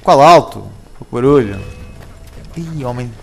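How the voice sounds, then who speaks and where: Cheeky European Portuguese gamer. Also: male voice, mid-range voice, lively intonation, unhurried, creaky, soft background music. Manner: joking, cheeky, talks to the characters. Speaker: gameplay commentator. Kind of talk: casual gameplay commentary.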